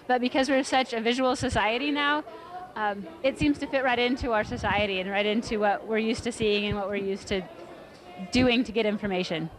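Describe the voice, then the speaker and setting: A woman on school staff giving a measured, thoughtful interview answer. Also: on the high side.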